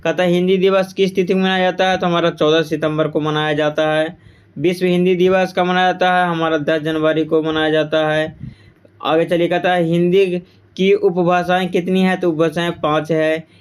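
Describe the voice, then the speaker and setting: Guy teaching grammar for exams, kinda high clear voice, keeps asking then answering himself. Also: little pitch movement, normal speed. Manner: repeats answers with quiz-style questions to the class. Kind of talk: exam-prep grammar lesson.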